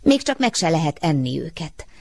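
A woman's voice: low voice, sing-song, vocal fry, no room sound, exaggerated voice. Woman doing a grumpy sleepy teddy bear. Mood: sleepy musing. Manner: grumbling, drowsy, resigned.

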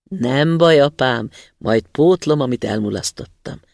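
A man's voice: medium pitch, lively intonation, creaky, a little mellow, dry recording, studio quality. A man doing a cheeky young student. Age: young adult.

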